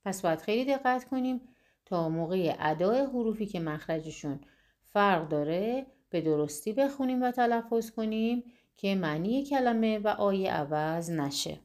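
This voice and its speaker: A woman teaching Quran recitation in a step-by-step spoken lesson. She explains clearly and patiently, and she drills syllables slowly. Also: medium pitch, lively intonation, a little mellow.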